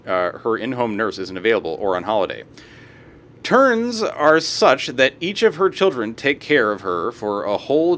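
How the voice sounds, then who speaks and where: A young man is streaming live, reading posts aloud and ranting about them with lots of swearing and side comments. His voice is fairly low and fairly bright, with slight background noise.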